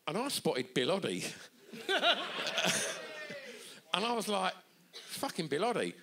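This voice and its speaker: A man co-hosting a live podcast in a bar, telling stories with lots of swearing and acted-out shouts. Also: high voice, takes it slowly, noisy background. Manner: animated, sweary, acts out voices in stories. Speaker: podcast co-host. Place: bar venue with live audience.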